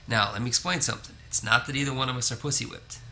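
Racing through his words at medium pitch, a man self-narrates his road trip for the camera, casual and full of joking asides. Noise fills the background as he moves between the road and a parking lot.

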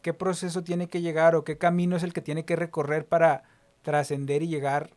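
A man's voice: fairly high pitch, little pitch movement, fairly quick, a little mellow. A man with a Mexican accent, asking brief, polite questions as an interview host. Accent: Mexican Spanish.

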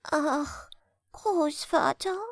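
A woman voicing a small, timid young boy hare who pleads softly and high in a bedtime storybook. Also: drawn-out words, no echo, studio quality, full character voice. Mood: pleading. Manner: soft, high, pleading and hesitant.

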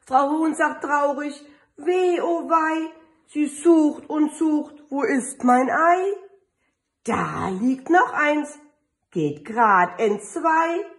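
Lively, slow-reading kindergarten teacher woman. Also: sits high. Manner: slow, lively storytelling with sing-song refrains. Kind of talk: reading a picture book aloud to children.

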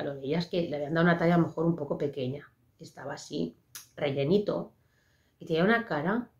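A woman with a Spain Spanish accent hosting a podcast, talking casually and expressively with lots of fillers. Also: low voice. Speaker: podcast host. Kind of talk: casual monologue. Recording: dull lo-fi podcast audio.

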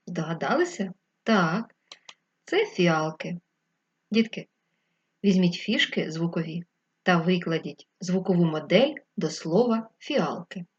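A woman teacher giving a remote lesson to first graders, talking slowly and clearly to the children. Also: fairly low pitch, expressive, muffled recording. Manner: slow, clear dictation addressed to children. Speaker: primary school teacher.

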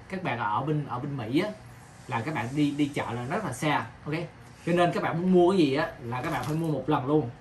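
A man's voice: on the high side, fairly bright tone, slight background noise. Chatty Southern Vietnamese man vlogging. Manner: chatty, repeats himself, keeps asking viewers "right?". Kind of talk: casual kitchen vlog.

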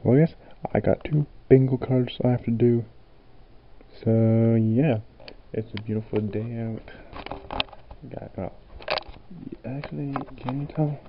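A man's voice: medium pitch, fairly even intonation, slow pace, pauses often. A man talking casually in a home vlog, coaxing and giving commands to his pet dogs. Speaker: vlogger. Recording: lo-fi home video with loud background noise.

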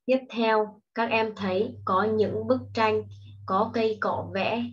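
Slow-speaking woman teacher, patient. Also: mid-range voice, fairly even intonation. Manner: slow, patient explaining to children. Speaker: primary school English teacher. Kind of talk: online classroom lesson. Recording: dull lo-fi recording.

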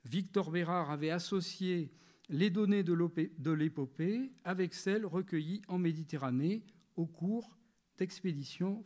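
A man in his sixties with a high voice reads a prepared lecture aloud. His delivery is measured and literary, and he pauses now and then to hesitate over a phrase. He speaks as a lecturer at a literary gathering. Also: warm tone.

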